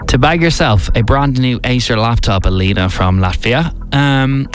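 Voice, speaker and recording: An Irish man hosting an evening radio show, quick and upbeat, running a call-in competition. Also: medium pitch. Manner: upbeat, quick presenter patter. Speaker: radio host. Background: music under the talk.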